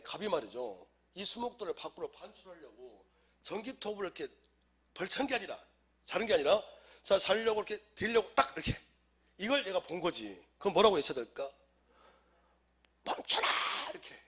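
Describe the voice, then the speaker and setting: A man's voice: sits high, breathy edge. A man lecturing on civil law for an exam class, who has a cold, drilling students in call-and-response and firing rhetorical questions.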